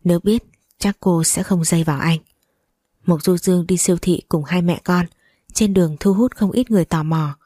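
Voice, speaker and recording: A woman's voice: on the low side, moderate pace, warm tone, dry recording, clean studio sound. A woman narrating a novel as an audiobook, reading steadily and evenly.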